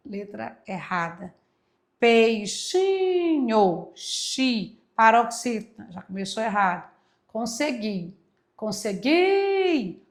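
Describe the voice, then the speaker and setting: A woman teacher walking through exam answers, emphatic, stretching key words out slowly and answering her own questions. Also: mid-range voice. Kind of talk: exam walkthrough lesson.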